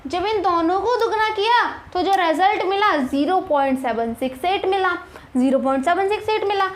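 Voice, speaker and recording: In an online chemistry lesson, a young woman with a high, expressive voice works through each problem step by step at a moderate pace. She calls her students kids, keeps asking them rhetorical questions, and reassures them.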